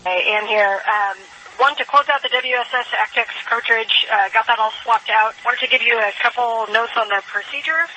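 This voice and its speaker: A woman's voice: fairly high pitch, normal speed, noisy background. A woman astronaut making methodical, detailed procedural reports to the ground over a space radio link. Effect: space radio transmission. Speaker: astronaut crew member.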